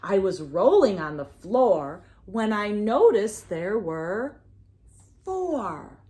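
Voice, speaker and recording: A woman with a mid-range voice gives a sing-song, expressive read-aloud of a picture book for young children, pausing to prompt her listeners.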